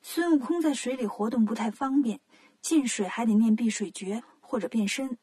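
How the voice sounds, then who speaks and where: Breathy, fairly high-voiced woman storyteller. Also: moderate pace, mellow. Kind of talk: children's storytelling.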